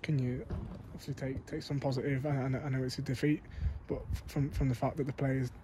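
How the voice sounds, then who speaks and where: A man off camera asking a football manager halting post-match questions, often repeating words. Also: mid-range voice, flat delivery. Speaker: club media interviewer. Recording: outdoor noise, off-camera.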